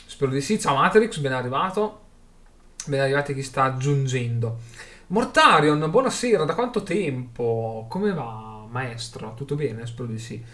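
A man reading a fantasy novel aloud on a livestream and greeting his chat, with expressive pacing and dramatic pauses. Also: medium pitch.

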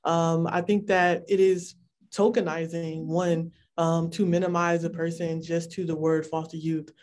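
A woman in her twenties from California, speaking as an interview guest over a video call in an articulate, measured and earnest way. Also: on the low side, level tone, darkish tone. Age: 20s. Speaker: policy intern, advocate.

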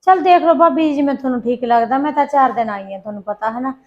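A woman acting out a kind young law student who reassures her sister-in-law. Her voice is high and friendly. The sound is dull and lo-fi, like a home video. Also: quick pace, lightly acted. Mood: reassuring. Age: young adult. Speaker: daughter in a family short film. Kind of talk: amateur family drama acting.

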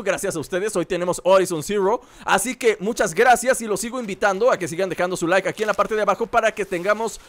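A man's voice: high voice, a bit bright. A man with a Latin American Spanish accent, joking and exclaiming his way through live gameplay commentary. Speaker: gaming video host.

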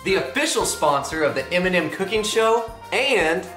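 A young man co-hosting a homemade comedy cooking sketch, cracking deadpan one-liners in a home kitchen. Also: high-pitched, normal speed, faint music behind. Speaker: comedy cooking show co-host. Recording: echoey kitchen on a camera mic.

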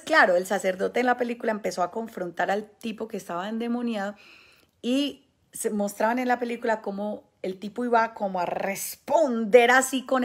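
A Colombian woman, a spiritual healer, speaking emphatically to her viewers. She stresses points by repeating words. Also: mid-range voice. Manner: acts out the people she quotes. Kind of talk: monologue addressed to viewers.

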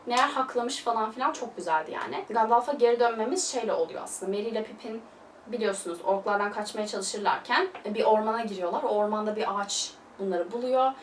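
A woman's voice: fairly high pitch, quick pace. Gushing young woman in a roomy space. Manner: gushing, chatty, loose filler-heavy talk. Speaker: film vlogger. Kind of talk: casual film review chat. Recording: roomy, distant mic, faint hiss.

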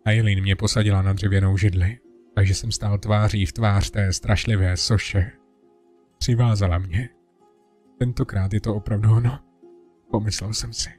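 Low-voiced man narrating a horror story. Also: husky. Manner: steady, dramatic first-person reading.

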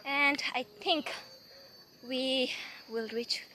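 A young woman speaks very slowly in a high, bright, forceful voice with fairly even intonation as she vlogs her climb up a forest mountain trail. Tired, sweating and breathless, she chats to the handheld camera held close and urges herself on, with slight background noise.

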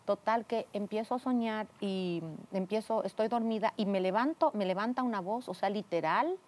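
A woman guest telling a personal faith testimony, acting out the voices in her story with sudden high jumps. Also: moderate pace. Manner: acts out quoted dialogue with big pitch jumps. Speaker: interview guest.

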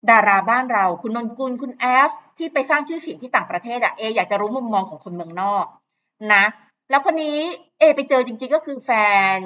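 A woman's voice: a little high, fairly bright tone, highs cut off. A woman hosting her own channel, chatting casually and gossipily about a celebrity interview, with frequent fillers and asides. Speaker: channel host. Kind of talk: casual commentary to camera.

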